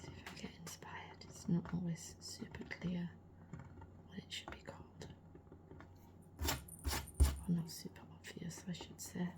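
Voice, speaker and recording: A middle-aged woman, chatting in a soft rambling whisper as an ASMR creator, her voice slightly worn and gravelly. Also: lowish voice, monotone, a little slow, pauses often. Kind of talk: whispered role-play.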